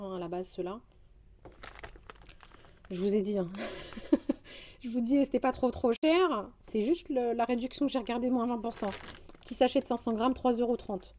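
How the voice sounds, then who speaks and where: A young French woman, chatting casually through a grocery haul vlog, rambling and quick to get indignant. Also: a little high, warm tone, a little hiss or hum. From France. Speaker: vlogger.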